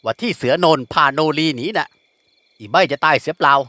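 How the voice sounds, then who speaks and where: A man's voice: a little high, a little fast, pushed and bright, no echo. A man voicing a bold young woman, the daughter of a village chief, speaking directly and firmly. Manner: direct, firm.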